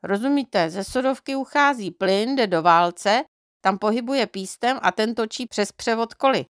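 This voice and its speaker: A woman's voice: on the high side, expressive, no room sound, clean studio sound, lightly acted. Neználek, a woman reading an eager little dwarf boy. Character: small boastful boy dwarf, eager and excitable. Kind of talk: storybook reading.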